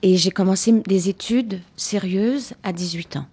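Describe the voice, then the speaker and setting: Answering children's questions after a show, a woman from Canada who acts on stage explains theatre work patiently and repeats words for emphasis. Her medium-pitched voice is warm with a breathy edge, and she speaks a little slowly.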